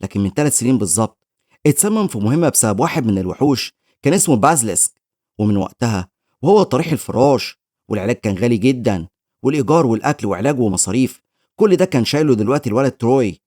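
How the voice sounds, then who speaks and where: A man's voice: medium pitch, animated, darkish tone, no echo, studio quality. A man with an Egyptian Arabic accent giving scripted recap narration of a story. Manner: rapid storytelling.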